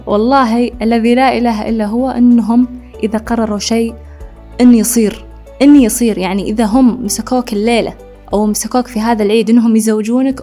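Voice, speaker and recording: Young woman host, slightly high voice, quick comic monologue full of acted-out voices. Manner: animated storytelling, acting out relatives' voices. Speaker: podcast host.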